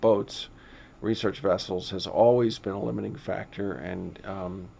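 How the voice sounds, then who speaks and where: A man speaks as an interviewed scientist. His voice is low and quite gravelly. He explains in a casual, conversational way. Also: steady tone, measured pace, mellow, a little hiss or hum. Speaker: guest scientist.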